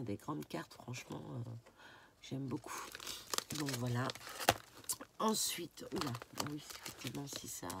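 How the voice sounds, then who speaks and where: Woman, congested nose, nasal, unhurried, chatty craft vlog, rustling packaging noise. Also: deep voice. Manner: relaxed and chatty, with many fillers and "voilà". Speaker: craft vlogger showing a shopping haul. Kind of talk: casual haul vlog talk to camera. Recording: paper crinkling and clicks behind. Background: crinkling packaging and clicks.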